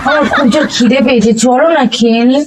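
A woman's voice: high-pitched, fairly even intonation, quick pace, a loud crowd, heavy background noise. A young woman with a Bengali accent, coaxing and pleading with her husband, exasperated when he ignores her. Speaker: wife in a prank video.

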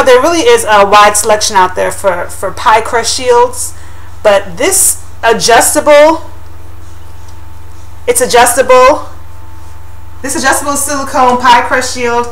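This casual product review vlog shows a young woman in her home kitchen talking upbeat to a webcam about a pie crust shield, recorded on the built-in mic close to the camera. Her fairly high, slightly bright voice comes through on a low-quality recording.

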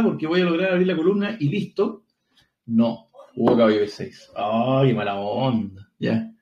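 A man's voice: fairly high pitch, darkish tone. Joking man analyzing chess live. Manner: chatty, joking, thinks aloud with short laughs. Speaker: chess commentator and live stream host.

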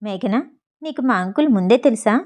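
A man's voice: sits high, lively intonation, brisk, darkish tone. Woman reading as a teasing young man. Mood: exasperated. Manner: teasing, exasperated. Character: playful young man, teasing, easily shocked.

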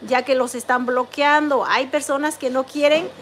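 A young woman chats on her livestream in a high, bright-pitched voice, reading out comments and greeting each viewer. A faint hum sits under her voice. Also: fairly even intonation, moderate pace. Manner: chatty, warm greetings to each viewer, reads chat names aloud. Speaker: livestream host. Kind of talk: casual livestream chat, reading comments aloud.

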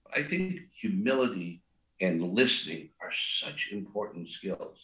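Deep, expressive and a little slow, with a sharp tone, the older restaurant co-founder's big voice rambles through a casual interview full of fillers and restarts. The recording is rough and reverberant.

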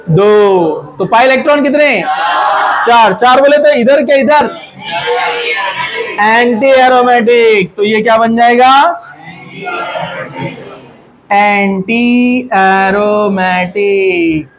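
A man lectures a classroom full of students. He calls out questions, teases and scolds, and holds his words in a high, slow delivery. A faint hum of room noise sits under the voice. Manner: quizzing the class, scolding and joking. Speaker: chemistry teacher.

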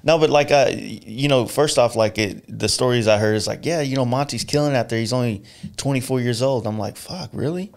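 A man hosting a podcast in a loose, casual way. His voice sits at an ordinary middle pitch. He swears freely and piles on fillers while he chats with his guest. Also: brisk, gravelly, a little mellow. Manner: laid-back, swearing, filler-heavy. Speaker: podcast host. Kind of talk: casual interview chat.

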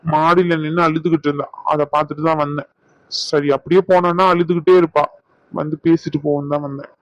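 A man's voice: on the high side, little pitch movement, brisk, close to an everyday voice. A man voicing an exasperated young husband, a doctor, who pleads and complains to his grandmother about his wife. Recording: dull lo-fi.

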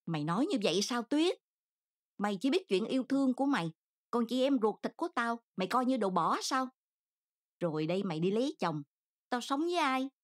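A woman's voice: on the high side, very animated, a little fast, voice pushed up. Storybook mother, middle-aged, aggrieved and complaining, read by a female narrator. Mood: self-pitying. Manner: complaining, self-pitying.

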